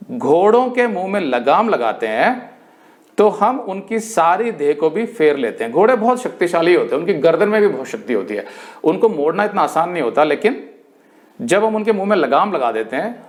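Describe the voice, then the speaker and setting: एक अधेड़ उम्र का पुरुष बाइबल शिक्षक, जो प्रवचन के अंदाज़ में सिखाता है और कहानियों के पात्रों की बातें अभिनय करके सुनाता है।. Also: male voice, a little high. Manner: animated storytelling, acts out quoted speakers. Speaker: Bible teacher. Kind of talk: sermon-style Bible study.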